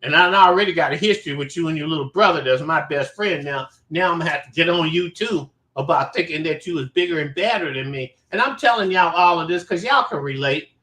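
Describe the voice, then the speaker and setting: A man's voice: fairly high pitch, fast, hardly any pauses, sharp tone. A man telling a story about his childhood in a casual way. He talks bluntly, swears a lot and rambles. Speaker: show host. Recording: roomy echo.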